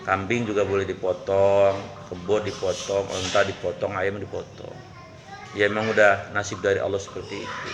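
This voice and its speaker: A male preacher plays a gentle holy man who speaks low and calmly. His tone is soothing and patient. Even under provocation he stays mild. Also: moderate pace, background noise. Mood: consoling.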